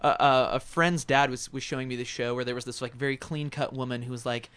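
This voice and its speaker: Man, band guest on radio, casual and rambling, lots of fillers, mid-pitched voice. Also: steady tone, quick pace, a bit bright, smooth, no echo. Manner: rambling, hesitant, many ums and restarts. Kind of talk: casual radio interview chat. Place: radio studio.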